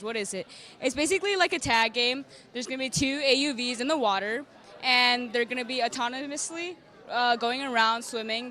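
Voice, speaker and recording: A young woman from New Jersey with a fairly high, bright voice. She explains her team's challenge in a friendly, plain way. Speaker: student presenter. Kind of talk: team presentation.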